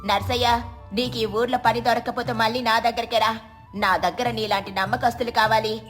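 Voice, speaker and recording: A woman voicing a stern but kind-hearted innkeeper woman who gives out work and food with firm, brisk words. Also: a little high, fairly even intonation, fairly bright tone, faint music behind, close to an everyday voice.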